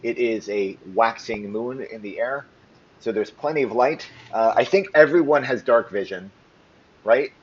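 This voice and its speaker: A man narrating as game master for a tabletop game, relaxed with frequent ums. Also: mid-range voice, unhurried, husky. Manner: casual, lots of ums and restarts. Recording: slightly muffled with faint noise.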